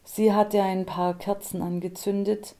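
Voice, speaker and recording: Woman, audiobook narrator, calm, measured, dark mellow tone, slow delivery. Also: medium pitch.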